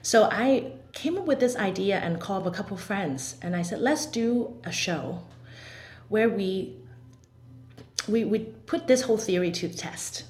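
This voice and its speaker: A woman from Hong Kong, a singer and composer, talking as a guest in an interview with quick bursts and restarts. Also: mid-range voice, animated, a little mellow. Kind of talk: interview conversation. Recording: roomy echo.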